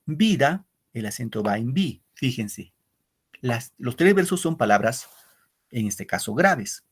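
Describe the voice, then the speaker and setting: Male teacher, middle-aged, husky voice, patient online lecture, asks the class lots of rhetorical questions. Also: medium pitch, animated, measured pace. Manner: explains with repetition and asks "¿no?" often; addresses pupils as "queridos muchachos". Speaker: literature teacher.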